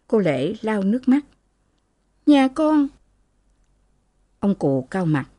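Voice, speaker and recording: A woman narrating an audiobook in a calm, even reading. Her tone is dark and mellow. The recording is dry, with no room sound. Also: medium pitch, normal speed, no echo.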